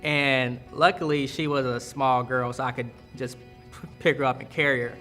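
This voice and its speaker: A news cameraman telling, in a halting and reflective way, how he waded into floodwater. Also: medium pitch, fairly even intonation, bright, forceful tone, soft background music. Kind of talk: recounting in a documentary interview.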